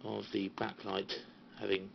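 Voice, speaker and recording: In his small radio room at home, a gravelly, deep-voiced British man gives an unhurried tour of his CB gear in a completely flat delivery. The relaxed show-and-tell is captured on a handheld phone, and the recording sounds dull with a little faint noise.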